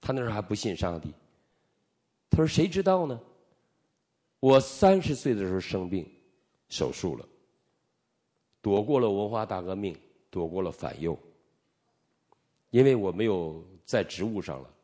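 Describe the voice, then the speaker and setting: This middle-aged man from Northeast China has a low-sitting voice and a moderate pace broken by frequent pauses. As a preacher giving his testimony in a sermon, he narrates with animation and performs the dialogue himself.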